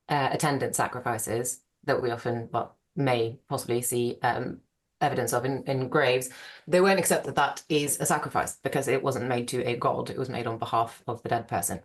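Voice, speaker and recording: Guest archaeologist, woman, very low pitch, relaxed rambling talker. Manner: chatty, rambling, laughs easily. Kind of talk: conversational podcast interview.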